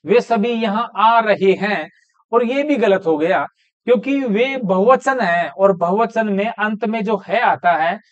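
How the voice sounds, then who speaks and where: High-voiced Hindi teacher explaining grammar. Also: male voice, muffled recording. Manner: explains step by step, repeating words slowly. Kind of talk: classroom grammar lesson.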